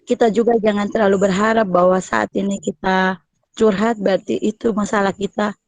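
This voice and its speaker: A woman with a slight cough speaks on a video call, her voice dry and close to the mic. She shares her reflection earnestly in halting, thoughtful phrases. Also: medium pitch, flat delivery, dry recording, rough recording. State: coughing, voice weak. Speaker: group member.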